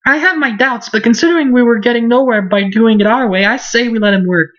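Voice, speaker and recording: A man voicing a generic cheerful young girl student, bright and eager, in a fan voice-over of game dialogue. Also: very high voice, quick pace, pitched above the performer's own voice. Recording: muffled lo-fi mic.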